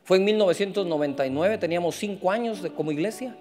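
A man, a pastor, telling a personal story in a sermon, animated and acting out the dialogue with sudden jumps in pitch. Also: quick pace, big-room sound, soft background music.

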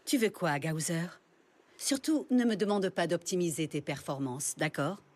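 An actress playing a self-assured sorceress in an anime dub, composed, dry and commanding. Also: female voice, fairly low pitch, animated, moderate pace. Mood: cool, guarded.

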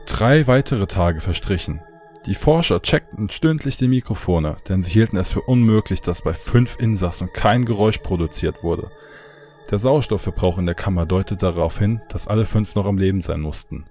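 A man reading a horror story aloud in calm, measured narration. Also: low voice, faint music behind.

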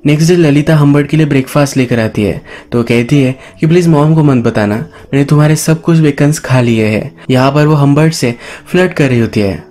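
Male recap narrator, slightly high voice, casual storytelling over soft music. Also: fairly quick, few pauses. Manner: casual storytelling, English words mixed into Hindi. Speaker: movie explainer.

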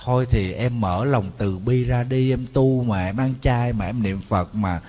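A man voicing a middle-aged unfaithful husband who coaxes and pleads, softer and lower than his usual talk. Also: lively intonation, normal speed, lightly acted. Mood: pleading. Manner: coaxing, wheedling.

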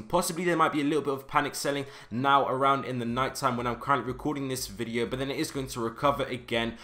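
A man's voice: mid-range voice, bright, forceful tone. A young man giving casual market commentary as a game trading video host, leaning on an emphatic "do" in his verbs.

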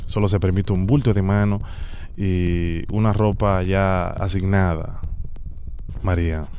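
Speaking into a close boom-arm studio mic in his small home studio, a young Dominican prank call host pretends to be an official, using a deliberate and formal tone. His voice sits low, steady and warm, and there's slight background noise. He's a young adult from the Dominican Republic running a phone prank.

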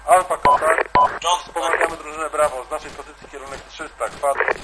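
A man's voice: a little high, steady tone, a little fast. A man on an in-game radio, giving clipped radio-procedure callouts to his squad. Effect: in-game radio transmission. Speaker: squad radio operator in a military sim game. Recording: noisy, distant radio voice.

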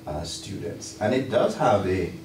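Echoey, low-voiced man with a Jamaican accent. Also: expressive, a little slow. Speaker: college faculty member. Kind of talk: reflective round-table discussion. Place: small indoor meeting room. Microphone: far camera or room mic. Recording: distant mic, echoey room, some noise.

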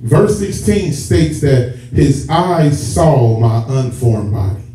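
His voice on the high side and dark in tone, a church elder preaches slowly and very animatedly, talking directly to the congregation in a conversational way and lengthening key words. He's in a sanctuary with a stage and rows of seats. A distant camera at the back captures echoey, muffled, noisy sound.

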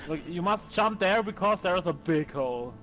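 A man's voice: sits high, animated, moderate pace, background noise. A man with a German accent, playing a raid as the tank and giving short instructions in broken English over voice chat. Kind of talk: game voice chat.

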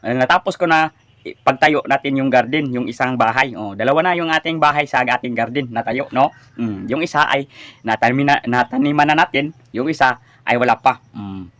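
A man's voice: medium pitch, fairly quick, fairly bright tone, no room sound. A man with a Filipino accent hosting a casual cooking and eating vlog, chatty and stumbling over longer words. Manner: chatty, keeps calling viewers "idol", laughs a lot. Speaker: food and garden vlogger. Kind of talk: casual mukbang vlog chat.

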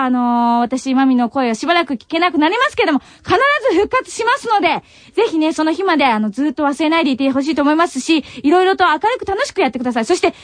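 Her high-pitched voice comes through with no echo, though it's captured on a muffled old cassette. A young woman from Tokai, she hosts late-night radio in Nagoya dialect, reading listener letters into a studio mic. It's an emotional farewell, her worn voice choking with tears between bouts of laughter.

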